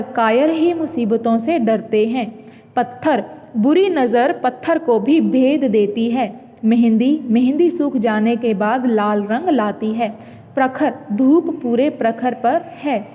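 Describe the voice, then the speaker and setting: A woman teacher slowly reading out a school exercise, dictating words one by one with patient explanations. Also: high voice, darkish tone, long reverb tail. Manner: slow, patient word-by-word dictation.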